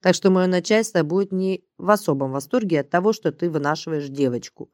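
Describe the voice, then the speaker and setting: A woman's voice: on the low side, a little fast, a little mellow, no room sound, close to an everyday voice. A woman reading the part of a blunt, crude, bossy male handler in an audiobook, in a dry, close recording. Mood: scolding. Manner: blunt, rude, slangy and bossy. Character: gruff, crude middle-aged male agency handler.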